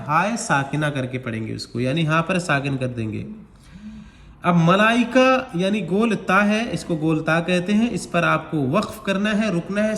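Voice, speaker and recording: A man with a voice on the high side and a fairly bright tone gives a slow, step-by-step Quran recitation lesson in a roomy-sounding space. He explains each rule patiently and draws out the words as he recites.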